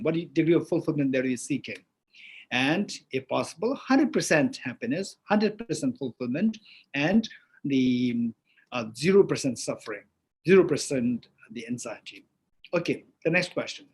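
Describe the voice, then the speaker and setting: A middle-aged man gives a dharma teaching, lively and rhetorical, posing questions to himself, answering them, and restarting often. His voice is a little high and slightly rough.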